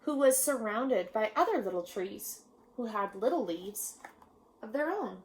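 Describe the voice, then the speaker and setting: A woman reading a children's picture book aloud in a measured, expressive storytelling manner with pauses. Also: on the high side, poor audio. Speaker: storybook reader. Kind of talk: children's read-aloud narration.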